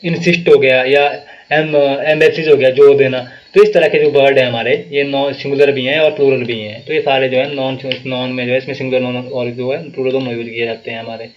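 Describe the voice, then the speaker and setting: A man with a Himachali Hindi accent teaching a live online grammar class for exam prep, explaining slowly and repeating himself with many fillers. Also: mid-range voice, fairly even intonation, muffled recording.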